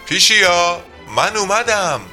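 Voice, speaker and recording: A kind father cat from a children's storybook, played by a man, calling out cheerfully to his kittens. Clear music plays behind him. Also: high-pitched, voice pushed up, close to an everyday voice. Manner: warm calling out.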